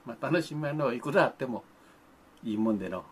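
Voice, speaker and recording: A man's voice: medium pitch, animated, fairly quick, slightly rough. An older man, talking to children in a folksy, grandfatherly way, with old-fashioned speech and playful sound effects. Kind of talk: folksy monologue to the camera.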